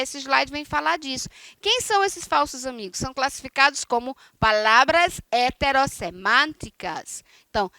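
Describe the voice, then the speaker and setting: A woman's voice: sits high, bright, forceful tone, no room sound. A woman from Brazil teaching a recorded online lesson, explaining step by step and often checking in with her students. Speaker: Spanish teacher.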